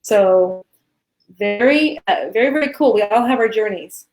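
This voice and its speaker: A woman in her sixties co-hosting a live Q&A, talking in a relaxed, rambling way. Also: mid-range voice, normal speed. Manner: relaxed, rambling, gentle laughs. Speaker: co-host. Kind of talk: casual conversation on a live Q&A.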